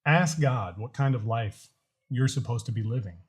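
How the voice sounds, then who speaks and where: A man speaking earnestly and deliberately in short phrases, as a vlogger giving a faith-based motivational talk. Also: medium pitch, expressive, breathy edge. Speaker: host of a daily challenge vlog.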